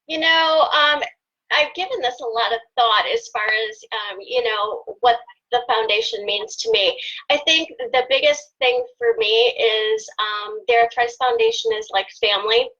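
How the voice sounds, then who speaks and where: A woman in her fifties telling a personal story in a hesitant, choked-up way, with many pauses and fillers. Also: on the high side, lively intonation, sharp tone, highs cut off. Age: 50s. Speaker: volunteer guest. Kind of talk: emotional personal story on a live stream.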